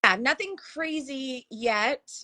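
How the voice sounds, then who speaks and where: A woman's voice: high voice, lively intonation, slow, pushed and bright. A woman from Florida hosting a casual live-stream chat, rambling and chatty with plenty of fillers. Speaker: host.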